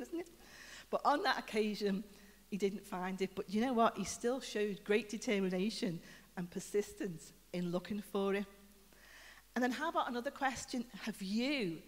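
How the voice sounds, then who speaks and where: A woman preaching a conversational sermon, telling stories and putting questions to the congregation. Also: mid-range voice. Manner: chatty storytelling with questions to the congregation. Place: church building. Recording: reverberant church hall.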